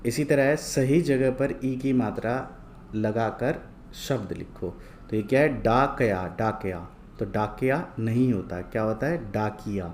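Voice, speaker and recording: A man teaching a lesson from worksheets, reading each word twice, slowly and clearly, and asking questions he then answers himself. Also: mid-range voice, darkish tone, a little hiss or hum. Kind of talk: slow, patient lesson going through worksheets.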